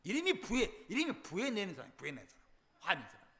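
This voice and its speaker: A middle-aged man preaching a revival sermon, telling a Bible story dramatically and swinging between loud outbursts and hushed passages. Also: sits high, wildly swooping pitch, fast. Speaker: pastor.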